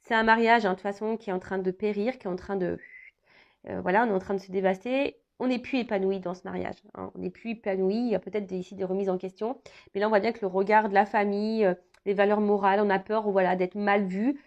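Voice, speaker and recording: A woman's voice: mid-range voice, fairly even intonation, fast, a little mellow, lo-fi sound. A woman doing a casual tarot reading for her viewers, talking hesitantly with many fillers and restarts. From France. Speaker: tarot reader.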